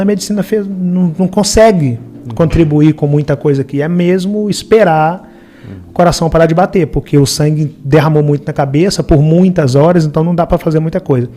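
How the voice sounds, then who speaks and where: Earnest Brazilian man with a mellow voice. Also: a little high, slight background noise. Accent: Brazilian Portuguese, Minas Gerais. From Minas Gerais, Brazil. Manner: earnest, reflective storytelling. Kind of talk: personal storytelling in an interview.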